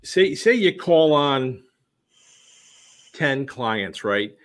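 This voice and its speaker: A man with an ordinary, mid-pitched voice hosts an interview. He asks long questions and restarts and repeats words as he works his way through them. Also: big pitch swings, very slow, fairly bright tone. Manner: rambling, repeats words while asking. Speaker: interview host.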